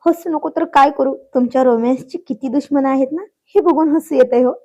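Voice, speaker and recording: A woman's voice: high voice, fairly quick, warm tone, lo-fi sound. A woman voicing a shy young wife who giggles and scolds bashfully. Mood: giggling.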